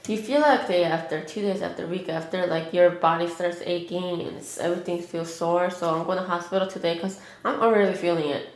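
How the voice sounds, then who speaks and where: A young woman telling a story in casual chat while she eats on camera, rambling and filling every pause with 'like'. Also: on the low side, fairly even intonation. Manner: rambling, heavy use of 'like'. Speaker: mukbang vlogger. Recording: echoey room.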